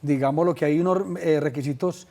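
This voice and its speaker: A man with a Colombian accent, a legal expert on a TV call-in show, explaining pension rules in a measured way with many fillers. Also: a little high, warm tone. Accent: Colombian Spanish. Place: TV studio.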